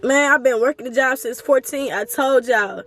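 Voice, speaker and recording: Speaking at a normal speed in a high-pitched, slightly bright voice, a woman in her 20s addresses her viewers earnestly and emotionally. It's a casual motivational vlog delivered straight to camera.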